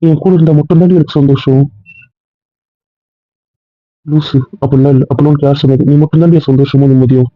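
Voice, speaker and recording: A woman's voice: low voice, steady tone, fast, long pauses, no room sound, natural voice. A woman voicing a young husband who soothes his tearful wife with affectionate teasing, in a Tamil audio drama role-play. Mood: reassuring. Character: young husband, tender and reassuring. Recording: tinny phone-like lo-fi sound, slightly distant.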